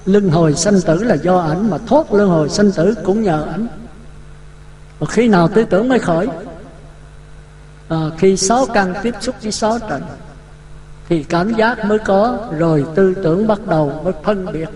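A man's voice: sits high, normal speed, crowd noise. A man giving a Buddhist dharma talk, vivid and full of rhetorical questions. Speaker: Buddhist monk teaching. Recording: echoey hall.

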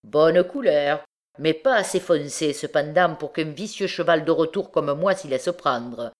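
A woman's voice: deep voice, animated, a little slow. A woman reading an audiobook, voicing a sly, mocking old male beggar turned bandit.

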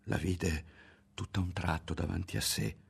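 A man giving a literary audiobook narration in a measured, dramatic reading. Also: deep voice, little pitch movement, vocal fry, husky. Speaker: audiobook reader.

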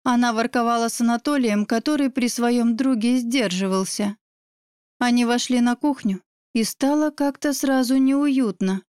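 Smooth-voiced woman narrating an audiobook. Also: a little high, normal speed, a little mellow, dry recording, studio quality. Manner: emotive, dramatic reading. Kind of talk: first-person audiobook narration.

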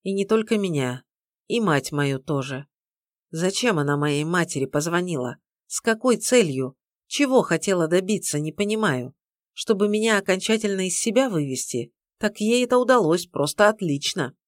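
A woman's voice: lowish voice, animated, normal speed, no echo, clean studio sound, natural voice. A woman reading an audiobook, voicing a curt, tense young man speaking firmly. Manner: curt, firm.

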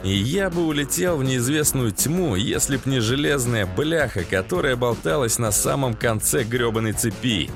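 A man narrating an audiobook in the first person, in a lively, coarse-spoken way. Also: mid-range voice, normal speed, few pauses, music in the background.

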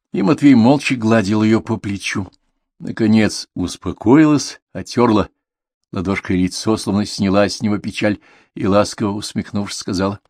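A man narrating an audiobook in a measured, expressive reading voice. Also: on the low side, no echo, studio quality.

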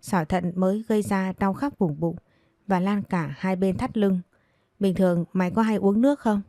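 A woman's voice: mid-range voice, normal speed, dark tone, no room sound, clean studio sound, lightly acted. A woman voicing a bossy young master who is a doctor, talking bluntly and giving orders. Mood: stern. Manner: blunt, commanding.

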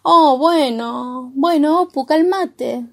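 A woman voicing a kind, calm friend character who speaks gently and soothingly, with an Argentine accent. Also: high voice, a little slow.

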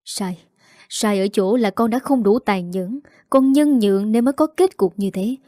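Woman voicing a cold scheming mom, firm and commanding, mellow dark voice, dry sound. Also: mid-range voice, normal speed, no echo, natural voice. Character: scheming cold older mother, ruthless.

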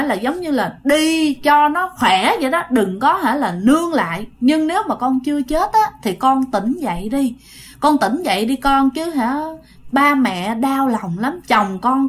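A woman's voice: high-pitched, big pitch swings, moderate pace. A woman with a Southern Vietnamese accent voicing a grieving mother pleading with her dead daughter to wake up.

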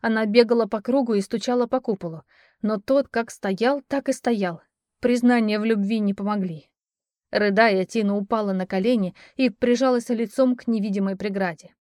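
Mellow woman audiobook narrator. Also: medium pitch, normal speed, no room sound, studio quality. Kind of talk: scripted narration.

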